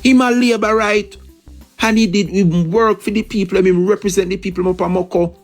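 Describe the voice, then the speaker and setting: An emphatic Jamaican man talks through politics in a loose, repetitive way, sliding in and out of patois. His voice sits a little high for a man. Faint music plays under him. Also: steady tone, a little fast. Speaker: political commentator. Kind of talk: casual political commentary.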